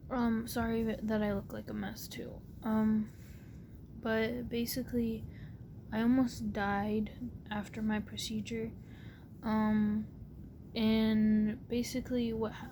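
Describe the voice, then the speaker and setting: A young adult woman telling a personal story casually to camera, rambling and halting, her words slightly muffled by a sore, barely opened mouth. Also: level tone. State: sore mouth after wisdom tooth removal. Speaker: vlogger. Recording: clear background noise with low rumble.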